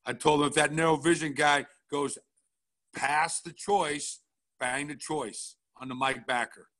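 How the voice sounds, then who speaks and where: A middle-aged man coaching football takes a clinic audience through game film, speaking bluntly and casually with lots of "all right?" check-ins. He sounds unhurried and steady, his voice slightly high with a fairly bright tone.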